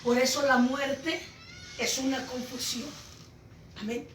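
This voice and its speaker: A woman giving an impassioned Pentecostal testimony sermon, moving between shouted pleas and hushed tones. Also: high voice, level tone, slow pace, a little hiss or hum. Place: church home meeting. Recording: echoey room, voice from far off.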